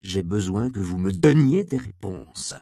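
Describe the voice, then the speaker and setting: A man's voice: fairly low pitch, expressive, a little slow, vocal fry, mellow, dry recording, studio quality. A man voicing an angry apothecary who speaks in curt, menacing lines. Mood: stern. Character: angry grown male apothecary.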